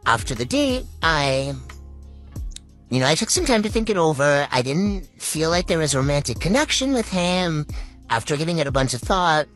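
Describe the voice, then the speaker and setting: Brief: 30s woman, voice pitch-shifted very deep, halting storyteller with lively intonation and faint music behind. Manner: halting, with frequent "um" pauses. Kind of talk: casual storytelling to viewers.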